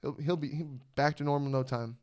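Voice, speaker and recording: Young male podcast host: smooth tone, excitable, profane sports-fan chatter. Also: fairly high pitch, fast talker. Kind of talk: casual chat.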